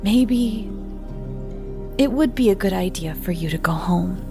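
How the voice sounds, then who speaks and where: Casting: woman playing worried, soothing relative, soft near-whisper, slow, audio story. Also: medium pitch, expressive, vocal fry, over music. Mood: anxious reassurance. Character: anxious older relative gently reassuring a boy. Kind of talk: dramatic storytelling.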